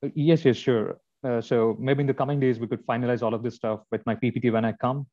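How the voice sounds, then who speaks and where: A man's voice: mid-range voice, fairly even intonation, fast talker, dark tone. A man asking technical questions on a video call, hesitant and full of fillers, politely agreeing. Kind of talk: casual technical discussion. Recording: dull lo-fi call audio.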